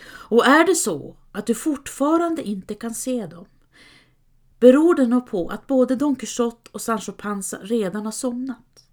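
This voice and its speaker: A woman narrating a bedtime story in a calm, soft, slow way. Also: fairly high pitch.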